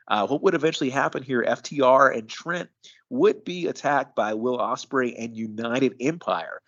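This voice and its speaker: Man recapping wrestling in slightly dull audio. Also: medium pitch. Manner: measured, analytical, with frequent fillers. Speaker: co-host of a wrestling news show. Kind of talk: casual show recap commentary.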